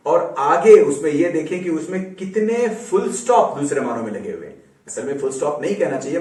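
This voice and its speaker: A man giving an explanatory pronunciation lesson, mixing English terms into Hindi and repeating example words slowly. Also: fairly high pitch, a little mellow. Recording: roomy echo, voice a bit far from mic.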